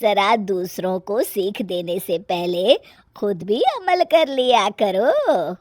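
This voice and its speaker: A calm older mother-in-law in a cartoon story, voiced by a woman. She speaks lower and slower than the rest of the household, measured and gently stern. Dry, close recording. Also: no room sound. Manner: slow, measured.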